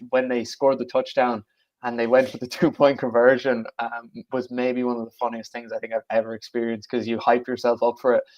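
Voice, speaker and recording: A man's voice: mid-range voice, little pitch movement, fairly quick, a little mellow, highs cut off. A young man from Galway with a west of Ireland accent, chatting casually and in a rambling way as a podcast guest. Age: young adult. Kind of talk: casual chat.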